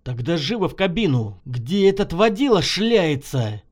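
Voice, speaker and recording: A man playing a tough army officer who bellows orders and turns hushed and tender when he speaks of love. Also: on the high side, big pitch swings, measured pace. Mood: urgent. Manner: shouting orders, then hushed.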